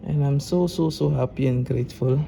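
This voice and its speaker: A man with a Cameroonian accent, a repair technician talking calmly as he works, often restarting his sentences. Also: medium pitch, brisk, gravelly, rough recording. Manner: calm, explaining as he works, with frequent restarts. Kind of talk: casual workshop vlog talk.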